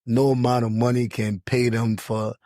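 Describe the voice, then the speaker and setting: A man's voice: mid-range voice, level tone, normal speed, mellow, no echo, studio quality. A man from Liberia hosting a casual podcast discussion, talking emphatically and repeating words as he builds his point. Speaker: podcast host.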